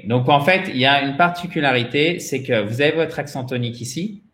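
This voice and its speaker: Speaking a little fast in a somewhat bright, mid-range voice, the host, a native French speaker, gives learners an interactive English pronunciation lesson, teaching didactically and talking to them directly. The room is echoey.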